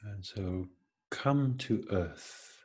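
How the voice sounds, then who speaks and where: A man with a lowish, husky voice leads an unscripted, reflective guided meditation. He speaks gently in halting phrases, leaving long pauses.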